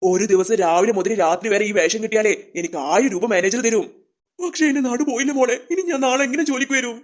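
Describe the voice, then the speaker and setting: Performer doing a weary old Santa-costume grandpa, soft and gentle, brisk delivery. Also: medium pitch, natural voice. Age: older.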